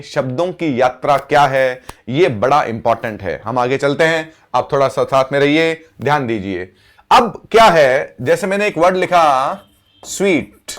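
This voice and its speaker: A man teaching English vocabulary, repeating each word slowly as he writes it out. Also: fairly high pitch, a bit bright. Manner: slow, repeats words while writing on board. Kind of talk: vocabulary lesson.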